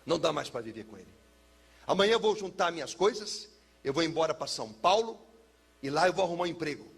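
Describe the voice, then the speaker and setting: A man voicing his tired mother, a middle-aged woman, speaking quiet and resigned. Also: a little high, animated, fast, gravelly, slightly rough, pitched below the performer's own voice, heavily acted.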